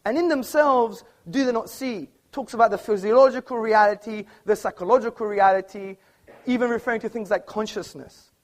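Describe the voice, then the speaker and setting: A man's voice: high voice, a little fast. A man giving an argumentative opening speech in a formal debate, speaking on stage in an auditorium before a live audience. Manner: emphatic, argumentative, quoting books.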